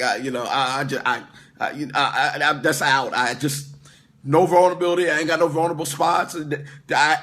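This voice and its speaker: A man's voice: a little high, fairly bright tone. A middle-aged male pastor giving an informal livestream sermon, talking straight to his viewers with lots of restarts and asides. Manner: conversational, stammering restarts, talks to viewers in comments. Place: indoor room away from his usual location.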